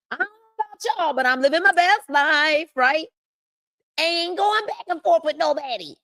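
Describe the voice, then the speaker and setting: A woman, hosting a live book club and reading aloud with preachy, drawn-out emphasis and asides to her viewers. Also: high-pitched, a bit bright, no echo, studio quality. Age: 50s. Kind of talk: live-stream book reading and motivational talk.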